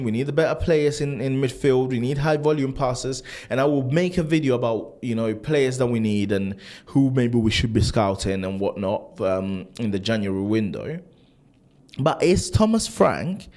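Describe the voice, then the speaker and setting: A man born and raised in Italy, a football fan vlogger, ranting in a casual, animated and frustrated way, full of restarts and rhetorical questions. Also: fairly high pitch. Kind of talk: casual opinion rant to camera.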